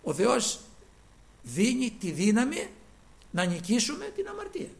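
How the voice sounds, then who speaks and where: A man preaching a sermon with fervor, jumping from loud exclamations to quiet asides and acting out the voices he quotes. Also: very high voice, huge pitch swings, creaky.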